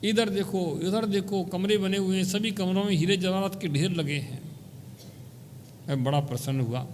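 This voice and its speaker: A monk giving a sermon, telling a parable and asking the listeners questions along the way. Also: male voice, high voice, in a large hall, slight background noise. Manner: storytelling, asks the audience questions.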